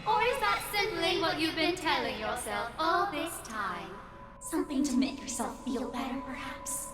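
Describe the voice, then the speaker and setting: A cruel monster from a game that taunts its victim, her high voice rising and falling as it sneers. The words ring out in a big echoing space with a long hall reverb. Game music plays clearly underneath. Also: animated, normal speed. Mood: taunting. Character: mocking monster taunting a detective, cruel and gloating.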